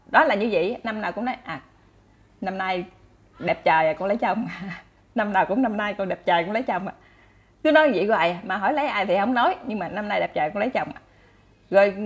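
A woman with a Southern Vietnamese accent, chatty and animated, telling folk stories to her listeners as a channel host. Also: mid-range voice. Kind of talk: casual folk storytelling.

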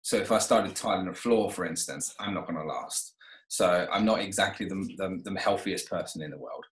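His voice sits low and reverberant, and he talks fairly quickly. This guest, a man in his thirties, chats casually about his renovation company in an interview held over video call from his home, full of fillers and restarts.

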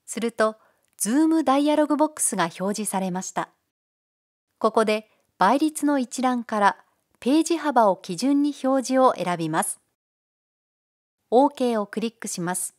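A woman giving calm, polite, step-by-step narration for a software tutorial. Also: a little high, normal speed, pauses often. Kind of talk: scripted screencast narration.

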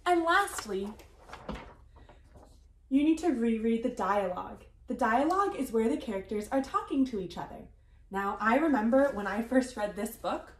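A woman teaching first graders in a recorded reading lesson, speaking clearly and encouragingly. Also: on the high side, echoey room.

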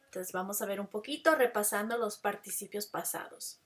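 A woman teaching a grammar lesson, slow and deliberate, drawing out example words and switching between Spanish and English to explain. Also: mid-range voice, fairly bright tone.

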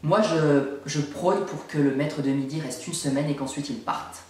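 A man's voice: fairly high pitch, fairly even intonation, moderate pace, darkish tone. Exasperated young man ranting in an echoey room. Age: young adult. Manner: exasperated, complaining, emphatic. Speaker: video blogger. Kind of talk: opinion rant to camera. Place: small indoor room at home. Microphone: camera at a short distance. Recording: very echoey room, distant microphone.

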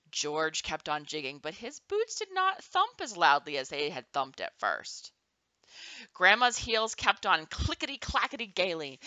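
Lady reading a kids' chapter book out loud, lively expressive delivery, kinda low voice. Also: dry recording. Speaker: aunt reading to children. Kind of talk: storybook read-aloud.

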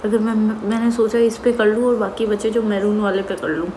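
A woman's voice: medium pitch, steady tone, roomy sound, a little hiss or hum, rough recording. A young woman vlogging casually, thinking aloud as she measures fabric and lace. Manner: musing aloud while measuring fabric, soft and unhurried. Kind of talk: casual vlog talk to camera.

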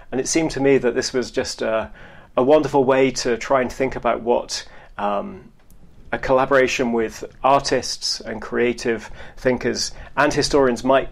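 A male academic historian with a mid-range voice and vocal fry gives explanatory interview answers. He often repeats and rebuilds his phrases as he goes.

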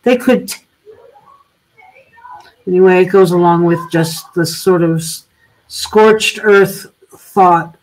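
An older woman hosting a casual political discussion over a video call, thoughtful and halting, often restarting her sentences. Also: on the low side, steady tone, darkish tone, rough recording. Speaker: host.

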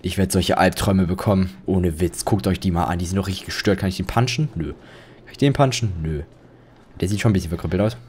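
A man's voice: deep voice, fairly even intonation, fast, darkish tone, slight background noise. A young man commentating a horror game, jittery and rambling, joking and yelping when startled. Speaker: let's play commentator.

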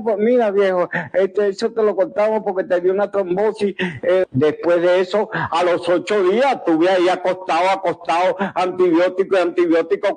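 A Venezuelan man in his sixties giving testimony in a news interview, speaking haltingly with frequent restarts and tag questions. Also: a little high, darkish tone, rough recording. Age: 60s. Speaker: interviewed patient.

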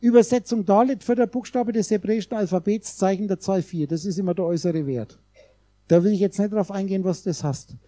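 Warm-voiced man giving a seminar lecture. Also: sits high, no room sound. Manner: explanatory, addresses listeners directly, sounds out vowels slowly. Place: seminar room with a live audience.

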